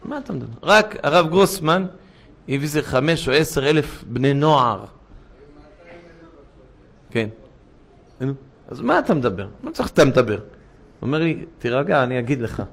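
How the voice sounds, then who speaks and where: A man's voice: on the high side, sing-song, vocal fry, long pauses, fairly bright tone. A man, a rabbi, telling stories in a sermon, acting out the dialogue and building to impassioned warnings. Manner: storytelling, acting out dialogue, rising to impassioned exhortation. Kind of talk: sermon with anecdotes.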